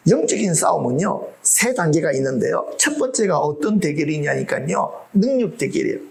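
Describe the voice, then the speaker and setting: A man's voice: fairly high pitch, sing-song, brisk, creaky. A middle-aged man preaching a sermon as pastor, humorous and full of rhetorical questions.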